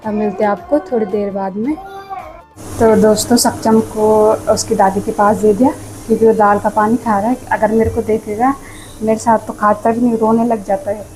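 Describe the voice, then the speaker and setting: A young home vlogger chats casually with her viewers while cooking in her kitchen, calling them "friends" and complaining that the heat leaves her hot and itchy. Her mid-range voice is level and dark at a moderate pace, picked up by a clip-on mic in a low-quality recording.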